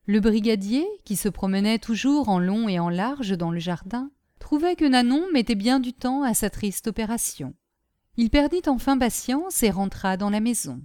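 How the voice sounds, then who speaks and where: A woman reading a classic story aloud in a measured, even way. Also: mid-range voice, no room sound, clean studio sound. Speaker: audiobook narrator. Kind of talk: scripted storybook narration.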